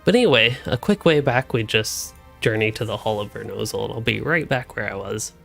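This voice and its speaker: A man's voice: lowish voice, lively intonation, a little fast, gravelly, a bit bright, soft background music. A young man rambling through casual live-stream commentary while he plays, thinking aloud from a room at home on a desk microphone. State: hiccuping. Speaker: gaming streamer.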